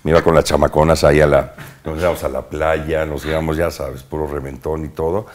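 A man with a Mexican accent and an extremely deep, low-pitched voice speaks as a guest in a relaxed interview. He is an actor who recounts his past in lively anecdotes, peppering them with slang and punchy sound words. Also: brisk, slight background noise. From Mexico, Veracruz. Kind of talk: casual interview storytelling.

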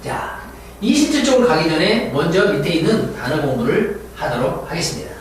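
Lively man teaching English pronunciation. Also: fairly high pitch, recorded from a distance. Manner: lively, repeats words slowly for students to copy. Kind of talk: classroom lecture with pronunciation drills. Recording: echoey room, voice from afar, faint hiss.

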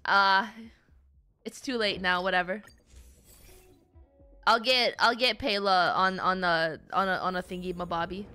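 A woman streaming a game speaks in a lowish voice at a measured pace, pausing often as she chats casually over gameplay. Playful and animated, she talks to her audience as "guys" and "gamers," with game music in the background.

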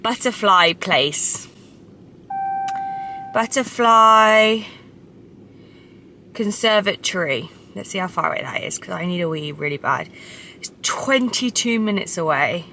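A chatty young woman, talking to camera from the driver's seat of her car. Her voice is bright and forward, sitting a little low in pitch. She rambles cheerfully with fillers, and a faint hum of ambient noise sits behind her. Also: lively intonation, takes it slowly, pauses often. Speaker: vlogger. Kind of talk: casual chatty vlog. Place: inside a parked car. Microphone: camera on the dashboard or held in hand.

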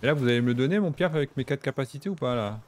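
Lively French-speaking gaming streamer man. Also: mid-range voice, rapid-fire. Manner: chatty, talks to chat and game characters; frequent excited exclamations. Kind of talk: casual gameplay commentary.

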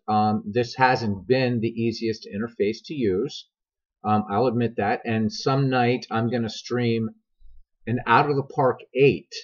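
A dull, slightly lo-fi recording of a middle-aged man hosting a game tutorial. His voice is husky with a smoker's rasp. He talks conversationally to viewers and wanders into asides as he explains. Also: mid-range voice, a little mellow. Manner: conversational, digressive, addresses viewers directly. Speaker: video game tutorial host. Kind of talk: casual, rambling tutorial narration. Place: voice-over recorded over screen capture. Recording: dull, lo-fi microphone sound.

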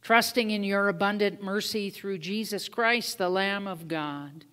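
A woman pastor leading liturgical prayers in a slow, measured way, heard with a cathedral-like church echo. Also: mid-range voice, a bit bright. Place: church sanctuary. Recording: long church-hall reverb.

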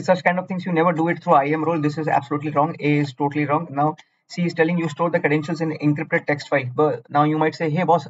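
A man with an Indian accent and a fairly high voice tutors through cloud certification exam questions in a screen-recorded walkthrough. He is blunt and repetitive, sometimes scolding the listener. The audio has its highs cut off and a little hiss or hum.

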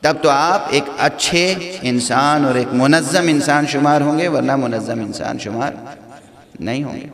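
Man lecturing in a reverberant hall. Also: fairly high pitch. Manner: rhetorical questions with emphatic repetition. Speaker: religious scholar. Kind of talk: religious lecture.

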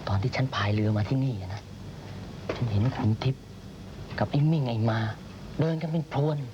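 A man's voice: mid-range voice, expressive, fairly quick, highs cut off, background noise, close to an everyday voice. A man playing a wary, suspicious servant. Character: suspicious male servant, gossiping. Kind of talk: Thai period radio drama acting.

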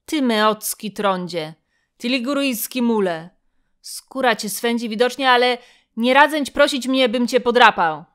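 A woman's voice: medium pitch, lightly acted. A woman voicing a bitter, cowardly old Greek man who snaps back with biting retorts.

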